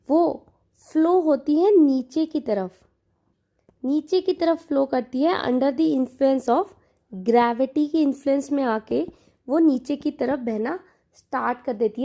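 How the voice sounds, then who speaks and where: A woman's voice: sits high, dark tone. A woman teaching an online lesson, mixing Hindi and English and repeating key terms for her learners. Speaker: online exam-prep teacher. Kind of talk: Hindi-English mixed lecture explaining to learners.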